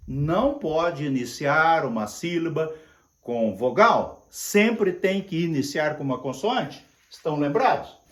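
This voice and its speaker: Older man teaching slowly in an echoey room. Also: sits high, distant mic. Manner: slow, repetitive, drawn-out explaining with frequent checks. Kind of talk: classroom lecture at a whiteboard.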